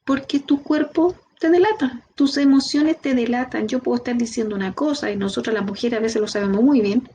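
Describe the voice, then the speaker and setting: A woman with a Chilean Spanish accent giving a training lecture, lively, asking her students rhetorical questions. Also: on the high side, brisk, hardly any pauses, slight background noise. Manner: lively, talks to the class directly with rhetorical questions. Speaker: instructor.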